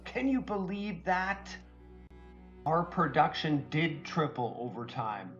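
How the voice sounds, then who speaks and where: A prim, well-dressed kobold merchant, voiced by a man speaks with formal courtesy in a slightly raised pitch. Soft music plays faintly behind him in this tabletop game recap. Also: very animated, takes it slowly, highs cut off, full character voice. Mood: earnest storytelling.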